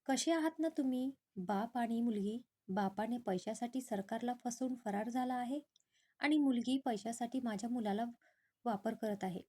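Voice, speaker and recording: A woman's voice: fairly high pitch, moderate pace, dark tone, close to an everyday voice. A woman voicing a stern, wealthy older father who speaks scornfully and accuses.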